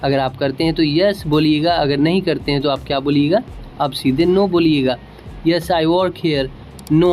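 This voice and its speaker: A man with an Indian accent teaching English grammar in a casual spoken lesson, patiently explaining and repeating example sentences slowly. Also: on the high side, a little mellow.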